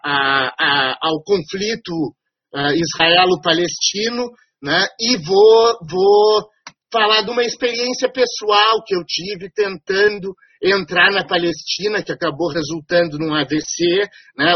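Husky high-voiced man hosting a talk show. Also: no room sound, highs cut off. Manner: frequent fillers and repeated words. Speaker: radio program host. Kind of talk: hesitant spoken introduction.

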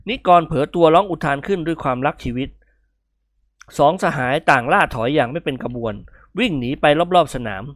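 Lively male storyteller. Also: on the high side, brisk, no room sound, studio quality. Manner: lively, expressive. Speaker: narrator. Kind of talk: storytelling reading.

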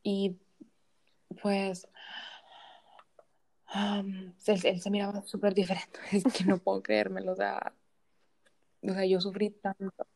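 Young woman guest, chatty storyteller, mid-pitched, warm voice. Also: takes it slowly, gravelly, long pauses. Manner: animated, retells conversations, frequent "o sea". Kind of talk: casual personal storytelling.

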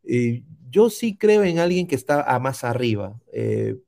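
A man's voice: mid-range voice, big pitch swings, a little slow, creaky, dark tone. A man with a Peruvian Spanish accent, co-hosting a casual stream, reading chat and rambling with many restarts.

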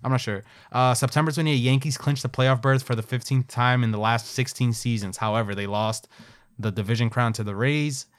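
A man's voice: medium pitch, fairly even intonation, brisk. Male podcast co-host, casual sports talk, reads stats with offhand asides. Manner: reads stats aloud with asides and self-corrections.

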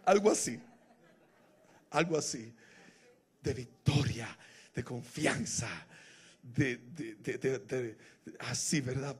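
A man preaching a sermon, retelling a scripture story and rising to emotional shouted exclamations. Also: medium pitch, slightly rough.

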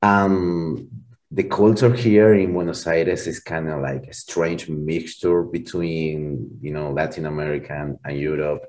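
Speaking a little slowly with an extremely low pitch, this Colombian man in his forties talks in English, his second language, with an Argentine Spanish accent. He's a band member guesting on an interview, and the chat is relaxed and rambling, packed with fillers and restarts.

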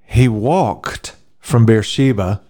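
Low-voiced pastor talking scripture. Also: male voice, warm tone. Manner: thoughtful, speeds up and slows down while explaining. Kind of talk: casual conversation on scripture.

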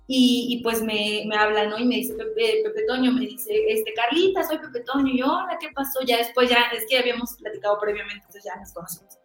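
A Mexican woman telling a lively story in an interview, acting out quoted dialogue in a chatty, animated way. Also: a little high, roomy sound, low-quality recording. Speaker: guest voice actress.

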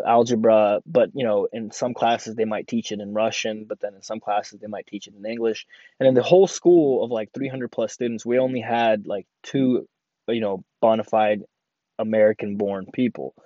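Young male podcaster born in Ukraine, rambling personal monologue, mellow tone, dry close sound. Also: fairly low pitch, normal speed, no echo, highs cut off. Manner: rambling, many fillers and restarts. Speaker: podcast host.

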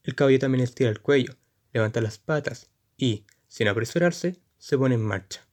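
A man narrating a short story in a measured, descriptive reading. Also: mid-range voice, darkish tone.

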